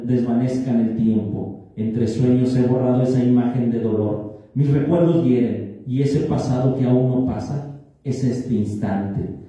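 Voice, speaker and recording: A man reciting his own poem at a literary event, steady once he begins reading. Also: medium pitch. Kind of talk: poetry reading. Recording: echoey hall from far off.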